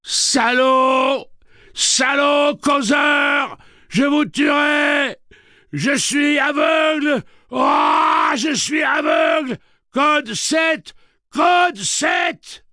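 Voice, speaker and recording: Raging blind messenger robot, piercing and drawn out, storybook villain. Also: male voice, on the high side, vocal fry, fairly bright tone, no room sound, studio quality, voice pushed up, full character voice. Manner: shrieking, slow and drawn-out.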